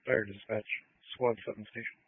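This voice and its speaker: A man's voice: lowish voice, fairly even intonation, moderate pace, slightly rough, no echo. A man on a fire squad, calling in short field reports to dispatch over a scanner radio. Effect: heard over a scanner radio. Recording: tinny scanner radio transmission.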